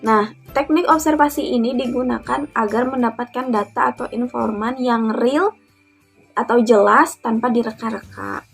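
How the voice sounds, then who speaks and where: A young woman, a university student, giving a measured academic presentation of her research, often starting sentences with "nah". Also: fairly high pitch, gravelly. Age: young adult. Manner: measured, explanatory, with fillers like "nah" and "gitu".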